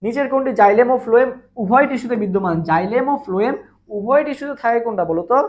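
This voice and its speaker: A man's voice: very high-pitched, rapid-fire, darkish tone, slight background noise. Bangladeshi man drilling students in a live class. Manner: drilling with repeated questions and answers, asks viewers to comment. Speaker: online biology tutor. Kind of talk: live-streamed exam revision class.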